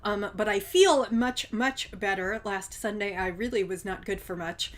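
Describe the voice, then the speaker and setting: Hosting her own podcast, a woman with a mid-range voice talks to camera at a moderate pace in a casual chat. A cold has her a bit congested, and she's chatty, with frequent ums.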